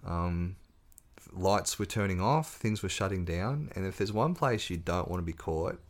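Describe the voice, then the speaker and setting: A man's voice: low voice, moderate pace. A man, an author chatting as a podcast guest and telling stories with plenty of ums and restarts. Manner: storytelling, relaxed, with fillers and restarts. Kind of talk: casual interview chat.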